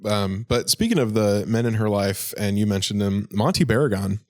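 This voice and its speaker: A man's voice: on the low side, a little fast, dry recording. A young man co-hosting a film podcast, easygoing and chatty with many fillers. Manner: easygoing, filler-heavy, laughs often. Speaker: podcast co-host. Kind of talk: casual film discussion.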